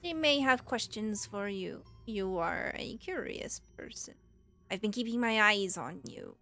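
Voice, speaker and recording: A woman's voice: medium pitch, animated, gravelly, bright, forceful tone, faint music behind, exaggerated voice. Woman voicing a sly, cryptic little imp. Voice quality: tiny voice. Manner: measured, cryptic, taunting. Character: small sly invisible imp, smug servant of a master.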